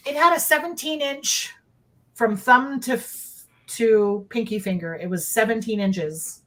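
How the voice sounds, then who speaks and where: A woman's voice: on the high side, unhurried, fairly bright tone. Middle-aged woman telling a personal story. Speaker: guest recounting sightings. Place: indoors in a dim room, on a video call.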